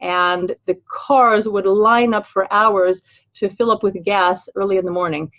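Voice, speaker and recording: Unhurried and fairly even in intonation, an older Los Angeles woman with an American accent leads a webinar as a financial planner. Her mid-range voice is a bit bright, her style chatty and upbeat with everyday fillers, and the audio sounds dull.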